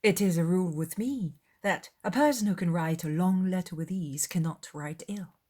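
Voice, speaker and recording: Period audiobook role: woman as fawning young lady of society, affected, flattering, effusive. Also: lowish voice, moderate pace, close to an everyday voice. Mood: gushing, flattering. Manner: gushing, affected.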